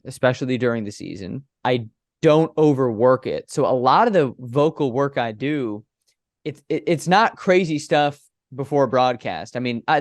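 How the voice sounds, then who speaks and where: A young man in his twenties tells stories from his broadcasting work with animated, chatty energy. His voice sits in a middle register and sounds dry and close on a studio podcast mic. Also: mid-range voice, no echo. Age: 20s. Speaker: baseball broadcaster, guest. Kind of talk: conversational interview.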